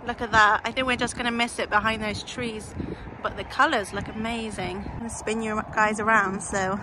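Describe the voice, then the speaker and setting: A young English woman cheerfully chats to her handheld camera while vlogging outdoors in the countryside for a casual travel vlog. Her voice is medium in pitch, level in tone and moderately paced. The outdoor camera audio is noisy.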